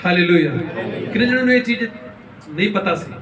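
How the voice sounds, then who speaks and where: A man's voice: high voice, animated, fast talker, background noise. A male pastor preaching a sermon, calling out for the congregation to answer with hallelujah and firing questions at them. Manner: call-and-response, keeps urging the congregation to say hallelujah louder; preaches with questions to the crowd and acted-out examples. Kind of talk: Pentecostal sermon. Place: large church hall. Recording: echoey church hall, mic at a distance.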